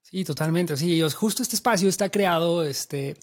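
High-voiced casual Mexican man host. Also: normal speed. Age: 30s. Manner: casual, slangy, many fillers. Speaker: podcast host. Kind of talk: casual interview talk.

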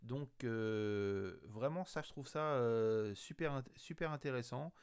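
A man with a gravelly, creaky voice talks through a casual news roundup. He pauses often, filling gaps and restarting his sentences as he goes. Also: mid-range voice, a little mellow. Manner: hesitant, many fillers and restarts. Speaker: host.

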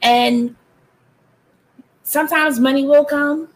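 A woman's voice: high-pitched, steady tone, takes it slowly, poor audio. A woman hosting a community talk show, affirming and enthusiastic in an encouraging, preacherly way. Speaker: host.

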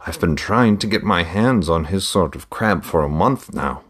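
A man's voice: low voice, expressive, normal speed, slightly rough. A man voicing a shrewd older merchant who haggles with theatrical flair in a read-aloud story. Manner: theatrical, bargaining.

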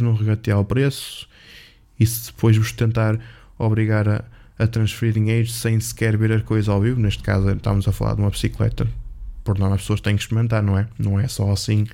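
A man's voice: fairly low pitch, gravelly, mellow. A man with a European Portuguese accent, telling a personal story in a casual, profane, chatty way as a vlogger.

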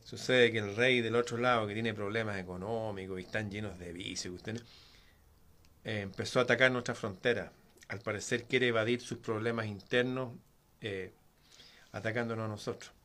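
Grave royal advisers in a spoken tale, as the storyteller puts them on, speaking low and hushed. They sound urgent and serious. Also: male voice, steady tone, normal speed.

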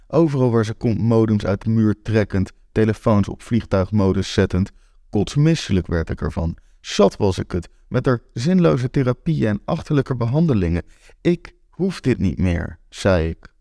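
A man's voice: lowish voice, gravelly, warm tone, no room sound, clean studio sound. A man in his twenties reading a first-person story aloud, candid and wry. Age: 20s. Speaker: narrator.

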